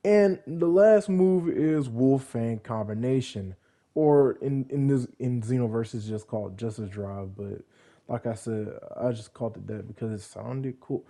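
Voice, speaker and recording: A man's voice: mid-range voice, a little slow, warm tone. A young man casually narrating a fan-made backstory, rambling, correcting himself and adding joking asides. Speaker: fan content creator.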